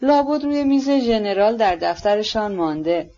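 A woman voicing a gentle young prince who explains things seriously, clearly and precisely, on a dull lo-fi recording. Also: mid-range voice, lively intonation, natural voice. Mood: earnest. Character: gentle, earnest young prince, meek man.

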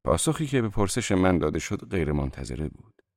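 A man narrating an audiobook with an expressive, dramatic reading. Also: sits low, dry recording, clean studio sound.

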